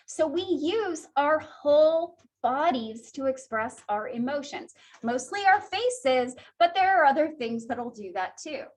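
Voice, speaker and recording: A woman's voice: high voice, animated, measured pace, few pauses. A woman teaching a psychology class in a chatty, conversational lecture style, laughing often. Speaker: psychology instructor.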